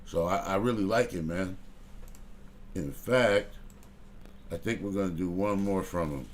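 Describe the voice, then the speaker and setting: Guy hosting a music review, low voice, rambly and sweary, bit of faint hiss behind. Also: unhurried. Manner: rambling, loose, heavy cursing and filler. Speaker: music review show host. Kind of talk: casual music review talk.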